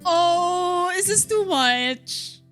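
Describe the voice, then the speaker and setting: A woman's voice: very high-pitched, animated, very slow, a bit bright, faint music behind. A woman streaming a visual novel, reacting in a cutesy, gushing, exclamatory way. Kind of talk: game playthrough, reading aloud and reacting.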